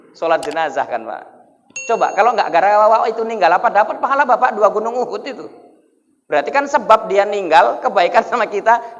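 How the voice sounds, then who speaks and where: A man's voice: high voice, a bit bright. A man giving a humorous sermon, joking and quizzing the congregation, heard in an echoey hall on a dull lo-fi recording. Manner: jokey, keeps asking the crowd questions. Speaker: Islamic preacher.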